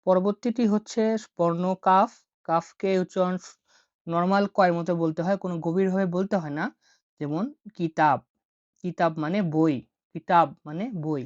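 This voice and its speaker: A woman's voice: fairly low pitch, fairly even intonation, moderate pace, pauses often, darkish tone, dry recording, muffled recording. A woman teaching Arabic letters and words as a lesson, repeating each word and its meaning several times over. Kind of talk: slow repetitive vocabulary lesson.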